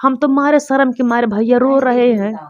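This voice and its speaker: Older woman, high-pitched, dry, repetitive emotional retelling. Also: fairly even intonation, moderate pace, no room sound, dull audio. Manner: repetitive, tearful retelling with many quotes. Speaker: interviewee. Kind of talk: emotional personal storytelling.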